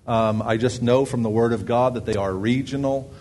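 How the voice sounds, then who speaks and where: A man's voice: medium pitch, moderate pace, a little mellow. A man, a pastor, giving announcements and a sermon in a conversational way, thinking aloud with fillers and restarts.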